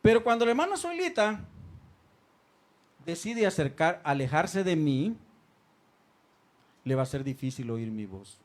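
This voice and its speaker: A male pastor preaching a sermon in a church on a handheld microphone, swinging from loud calls to quiet asides. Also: fairly high pitch, sing-song, a little slow, pauses often.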